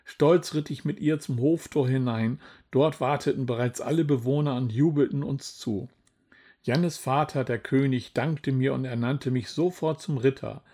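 A man's voice: mid-range voice, normal speed, mellow, natural voice. A man as Ritter Kühnrich, a boastful old knight. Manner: grumbling, self-praising. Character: boastful old male knight, proud father.

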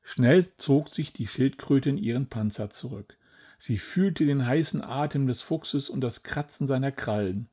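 A man reading a children's storybook aloud in a gentle, even manner. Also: mid-range voice, a little slow, husky. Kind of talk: scripted storybook narration.

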